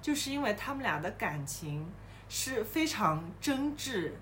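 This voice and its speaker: A woman's voice: on the high side, sing-song, measured pace, fairly bright tone, slight background noise. A woman co-hosting a podcast, speaking in an earnest, heartfelt way in casual chat. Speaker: podcast co-host. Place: hotel room.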